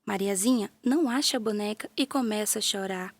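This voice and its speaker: A woman with a Brazilian Portuguese accent narrating a children's story in a gentle, playful way, with little sound effects. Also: mid-range voice, fairly quick, dry recording.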